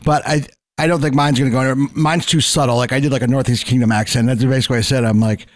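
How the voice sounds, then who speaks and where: A man's voice: mid-range voice, steady tone, very fast, dry recording. A man hosting a podcast in casual, informal chat, talking loosely and with some swearing. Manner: informal, profane. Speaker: podcast host.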